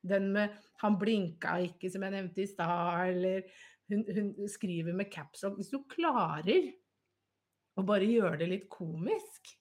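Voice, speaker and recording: A woman's voice: mid-range voice, animated, a little mellow. A woman in casual podcast chat, telling stories and laughing often.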